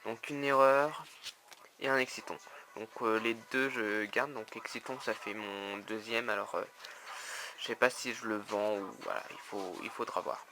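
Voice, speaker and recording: A man chatting casually on video as he shows his trading cards, halting with many fillers and repeating the same stock phrase again and again. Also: fairly low pitch, fairly even intonation, bright, forceful tone, slight background noise. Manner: keeps repeating "donc voilà", a tic he admits to. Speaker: trading card collector showing his trade binder.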